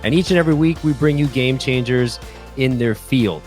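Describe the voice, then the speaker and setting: A man's voice: mid-range voice, moderate pace, a little mellow, faint music behind. A man hosting a podcast interview, upbeat and delivering a scripted show intro. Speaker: podcast host.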